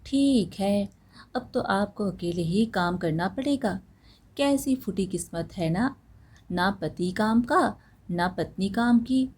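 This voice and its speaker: A woman's voice: mid-range voice, lively intonation, slow pace, darkish tone, slightly rough. A woman voicing a scheming, jealous elder sister-in-law who speaks in a sneering, taunting way.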